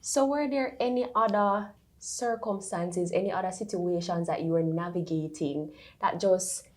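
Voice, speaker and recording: A woman interviewing a guest, asking questions gently with a touch of patois. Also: lowish voice, measured pace. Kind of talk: podcast interview.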